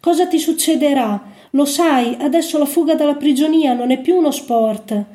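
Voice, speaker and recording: A woman's voice: high-pitched, moderate pace, mellow, close to an everyday voice. Woman voicing an anxious tender old granny. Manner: worried, tender.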